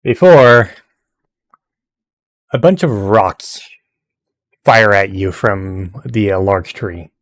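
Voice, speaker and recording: A man's voice: fairly low pitch, extremely slow, pauses often, no echo, clean studio sound. A man narrating a tabletop game as game master, in a laid-back way with chuckles.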